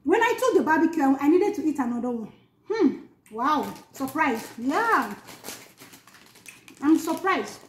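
A woman's voice: sits high, very animated, unhurried, long pauses. A woman in her thirties giving a casual snack-tasting review, thinking aloud and murmuring as she crunches chips. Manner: musing aloud while crunching chips, murmuring mm and hmm between phrases. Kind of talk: casual food-tasting vlog. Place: small bare indoor room. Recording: echoey room, clear background noise, crinkling packets. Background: crinkling chip bags, crunching, noise.

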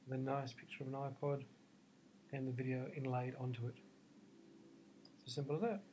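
A man talking through a software screen recording step by step, thinking aloud as he goes, recorded at his desk. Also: mid-range voice, level tone, brisk, slight background noise. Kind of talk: screencast tutorial narration.

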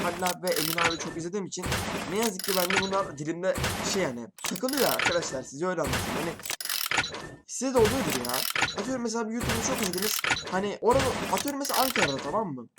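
A young man giving casual, rambling gameplay commentary to his viewers, talking very fast. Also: high-pitched. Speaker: gaming YouTuber. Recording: loud background noise.

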